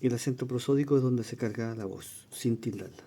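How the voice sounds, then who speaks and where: A man leads an exam-prep lesson, reading the questions aloud, explaining them, and frequently checking in with a quick question. His voice sits in the mid range, warm in tone and slightly rough.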